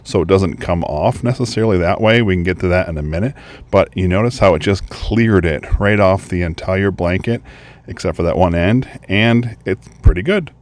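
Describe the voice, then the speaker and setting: Low-voiced man reviewing a gadget. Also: moderate pace. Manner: chatty, upbeat, thinking aloud. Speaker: product reviewer. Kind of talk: casual product review. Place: beach, outdoors.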